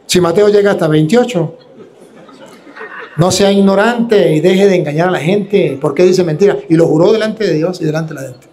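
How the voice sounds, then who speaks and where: Combative high-voiced priest preaching. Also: male voice, brisk, hardly any pauses, warm tone. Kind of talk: sermon.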